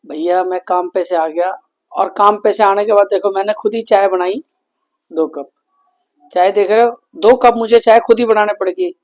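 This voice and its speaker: A man's voice: sits high, steady tone, moderate pace, a little mellow. A man in his thirties, a father talking casually to the camera in a family vlog, complaining with indignation. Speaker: vlogger, father.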